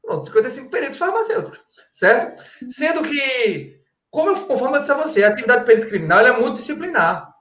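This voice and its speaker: Extremely high-pitched and sing-song, the Brazilian man talks fast with a fairly bright tone. As a guest forensic crime-scene expert from Pernambuco, he explains in a colloquial, didactic style full of rhetorical questions and "tá?", with roomy echo around him.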